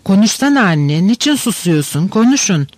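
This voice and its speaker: A man reading the part of a lively, stubborn teenage girl in an audiobook, teasing and insistent. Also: sits high, normal speed, no room sound. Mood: eager.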